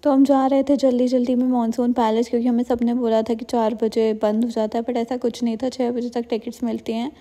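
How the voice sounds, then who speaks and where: A young woman narrates a travel vlog in a clean voice-over. Her high, mellow voice stays dry and wry as she recounts the trip. The delivery is relaxed and close to the mic. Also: fairly quick, hardly any pauses. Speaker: vlogger.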